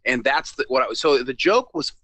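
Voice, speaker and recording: A man with a medium-pitched, bright, clear voice chats about a TV show in an easygoing way, often pausing to hunt for the right word. He is recorded close and dry, with no room sound behind him. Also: expressive, no echo. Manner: easygoing and agreeable, searching for words. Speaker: co-host of a TV recap show. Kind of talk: casual review chat.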